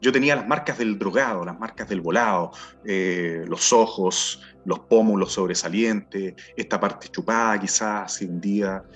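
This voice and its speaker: A middle-aged Chilean man telling his personal testimony in an earnest, halting way, often repeating words as he searches for them. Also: fairly low pitch, fairly bright tone, slightly rough. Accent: Chilean Spanish. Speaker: testimony speaker. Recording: dull sound with faint music behind.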